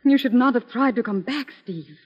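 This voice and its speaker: A woman's voice: a little high, moderate pace, close to an everyday voice. An actress playing a torn, fearful and tender woman in an old-time radio melodrama, hesitant and formal in her pleading. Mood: tender worry. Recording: muffled, reverberant old radio recording.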